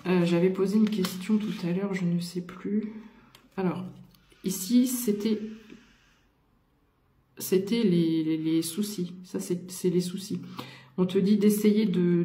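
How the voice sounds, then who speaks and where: Woman doing a tarot reading, lots of ums and restarts, lowish mellow voice, echoey room. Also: a little hiss or hum. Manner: hesitant, many fillers and restarts. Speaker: tarot card reader. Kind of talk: casual tarot reading addressed to viewer.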